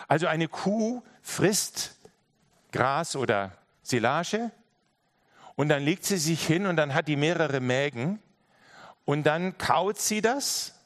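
Earnest preacher man, fairly high voice. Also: big pitch swings, slow pace, a bit bright. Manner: earnest, direct address with many repeated phrases. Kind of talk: sermon.

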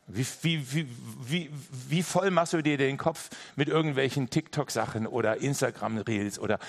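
A man preaching a sermon, earnest and direct, with a fairly high voice. He talks straight to the congregation and circles back over his key phrases again and again. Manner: earnest, direct address with many repeated phrases.

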